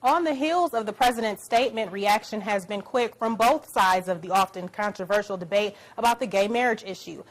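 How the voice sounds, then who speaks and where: A woman news anchor, reading scripted news in a steady, formal way. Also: mid-range voice, fairly quick, few pauses.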